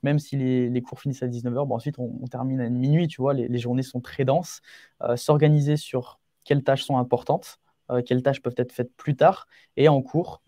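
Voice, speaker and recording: This clean studio recording captures a mid-range, dark-toned male voice with no room sound. The speaker, an eighteen-year-old entrepreneur guesting on a podcast, answers interview questions with advice, earnest, casual, and emphatic, frequently repeating key phrases.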